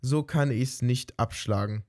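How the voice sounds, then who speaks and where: A man's voice: medium pitch, unhurried, darkish tone, natural voice. A man voicing a sly, greedy female cat who coaxes and sweet-talks in a fairy-tale reading. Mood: coaxing. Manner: coaxing, sweet-talking.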